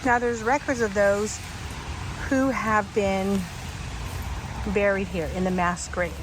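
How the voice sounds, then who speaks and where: A woman talks in a casual, unscripted way at a middling pitch, thinking aloud as she goes. She sounds like a vlog host narrating a walk around a cemetery. The recording is outdoors, with plenty of traffic and ambient noise behind her. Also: fairly even intonation, slow pace. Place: outdoors in a cemetery, cold and rainy.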